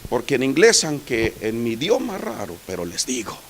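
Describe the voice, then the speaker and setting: A male pastor preaching a sermon, swinging from soft asides to loud shouted peaks. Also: mid-range voice, huge pitch swings, normal speed, slight background noise.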